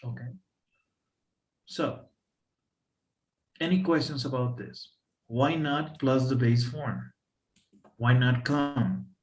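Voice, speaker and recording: A man's voice: medium pitch, slow, long pauses. A man tutoring English one-on-one over a video call, explaining grammar patiently and repeating examples.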